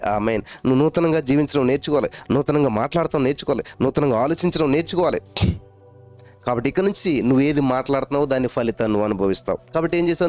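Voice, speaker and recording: A man preaching a sermon as a pastor, fervent and emphatic, building to loud exclamations. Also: fairly high pitch.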